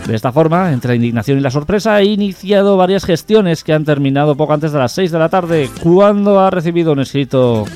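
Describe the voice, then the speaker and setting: A man's voice: fairly high pitch, expressive, fairly quick, few pauses, a little mellow, smooth, faint music behind. A man co-hosting a radio comedy show, reading odd news items and telling jokes in a plain, dry way.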